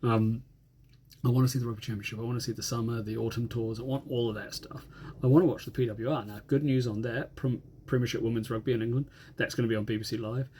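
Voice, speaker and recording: A man's voice: medium pitch, steady tone, quick pace, mellow, slight background noise. A middle-aged man with a New Zealand accent delivering a casual, exasperated, mildly sweary old-man rant in a grumbling way. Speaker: rugby fan.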